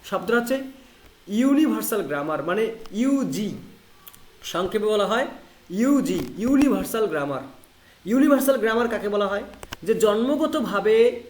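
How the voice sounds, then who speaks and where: A man's voice: high-pitched, animated, echoey room. A man from Bangladesh teaching an online linguistics lesson, explaining English terms in Bengali and repeating key phrases. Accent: Bangladeshi Bengali, Rangpur. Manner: reads English text slowly and deliberately. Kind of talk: online lecture.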